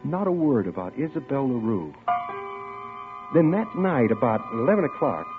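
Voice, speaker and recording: A man's voice: mid-range voice, very animated, moderate pace, lightly acted. An actor playing a man narrating his own story in a 1940s radio drama, with a wry manner. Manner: wry first-person storytelling. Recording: old lo-fi radio recording with music.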